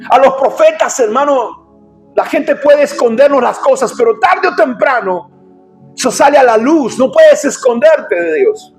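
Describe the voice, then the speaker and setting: Male pastor, high-pitched, shouts through a fiery sermon over faint music. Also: lively intonation, unhurried. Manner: impassioned preaching, often shouting, calls listeners brother. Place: church.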